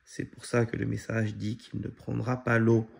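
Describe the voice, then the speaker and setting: A bright, cheerful little girl in a storybook who works out the clues, as a man reads her lines. The voice has a husky grain under it. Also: on the low side, little pitch movement, moderate pace, full character voice. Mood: sure.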